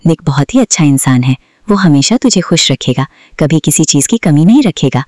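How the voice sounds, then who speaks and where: A woman's voice: low voice, lively intonation, moderate pace, darkish tone, no echo, clean studio sound. Woman doing a scolding motherly lady. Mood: tender. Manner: scolding, affectionate. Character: motherly older woman, scolding but loving.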